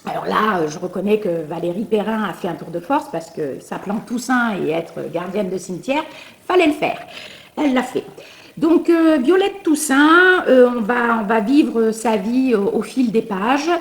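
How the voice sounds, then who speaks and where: Higher-voiced woman with a slushy lisp, roomy sound. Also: animated, moderate pace. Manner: hesitant, conversational, emphatic. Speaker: book reviewer presenting novels. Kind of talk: informal book recommendation talk.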